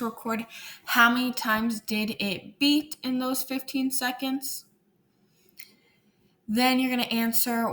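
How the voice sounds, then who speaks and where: A woman's voice: a little high, a bit bright. A woman teacher recording a lesson, giving step-by-step instructions as she demonstrates a hands-on activity at home. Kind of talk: recorded classroom lesson walkthrough.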